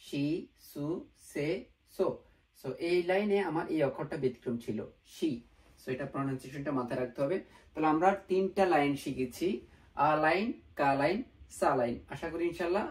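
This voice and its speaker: A man teaching a beginner Japanese lesson at a whiteboard, patient, slowly repeating each sound. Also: fairly high pitch, far from the mic, poor audio.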